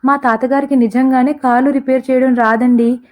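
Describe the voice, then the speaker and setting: A woman's voice: sits high, steady tone, fairly quick, a little mellow, natural voice. A woman voicing a meek, polite young man who keeps apologizing, in a comic story. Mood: pleading. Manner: polite, pleading.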